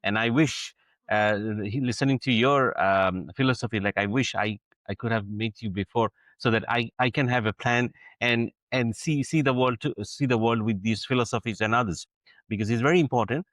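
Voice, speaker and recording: A man's voice: mid-range voice, normal speed, fairly bright tone, dry recording. A man co-hosting a podcast, speaking earnestly with many repeated words and restarts. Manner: earnest, with frequent repetitions and restarts. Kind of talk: conversational interview.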